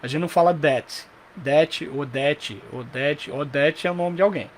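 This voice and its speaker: A young Brazilian man teaching an English lesson, lively and repeating example phrases slowly. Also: fairly high pitch, slight background noise. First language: Portuguese.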